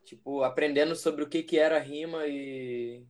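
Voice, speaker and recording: A man in his twenties from Brazil, a musician guest talking in a relaxed, reflective way about his path. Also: fairly high pitch, normal speed, heavy background noise. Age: 20s. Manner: relaxed, reflective, rambling with fillers. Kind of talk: casual interview.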